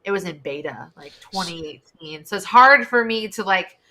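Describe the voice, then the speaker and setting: A woman's voice: medium pitch, expressive, moderate pace, sharp tone. A woman talking as a guest on a live stream from her home office, rambling with lots of fillers and restarts. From United States. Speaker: guest, social media consultant. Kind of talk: casual live-stream chat. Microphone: USB desk microphone.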